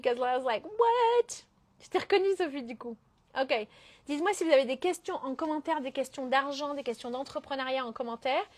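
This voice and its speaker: A woman business coach talking on a live stream, emphatic and dropping English phrases into her speech. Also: high-pitched. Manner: mixes English phrases into French; emphatic, keeps asking "ok?".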